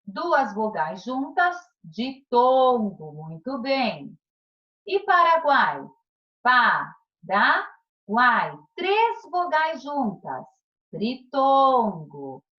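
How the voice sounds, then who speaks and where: In a high, sing-song voice, a woman teacher with a Brazilian Portuguese accent encourages primary pupils during a recorded remote lesson. She draws out her syllables and keeps checking in with "tá?", and the sound quality is lo-fi.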